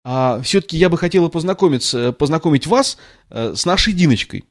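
A man's voice: a little high, expressive, fairly quick. A man voicing a chatty, tactless little girl who gushes and rambles in a storybook reading. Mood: gushing, eager. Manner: gushing, rambling, apologetic chatter.

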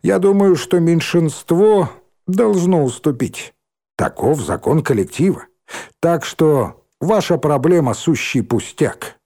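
A man voicing a menacing teenage bully boy who speaks with oily mock-politeness and drawn-out words. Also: fairly high pitch, expressive, mellow, pitched above the performer's own voice, heavily acted.

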